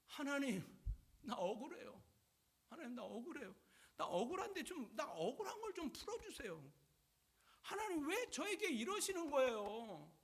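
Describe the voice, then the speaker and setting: A wronged, pleading sufferer, as a preacher puts him on cries out to God in a high, widely swinging voice. He sounds plaintive and indignant, his pitch leaping up and down. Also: big pitch swings, normal speed, slightly rough, exaggerated voice.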